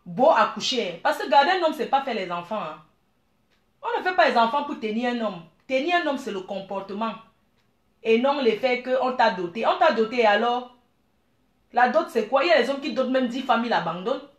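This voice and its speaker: A middle-aged woman from Cameroon, giving blunt, animated advice and calling her listeners dear. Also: fairly high pitch, a little fast, roomy sound. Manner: blunt, animated, calls listeners "maman" and "ma chérie". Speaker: business owner. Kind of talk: frank advice monologue.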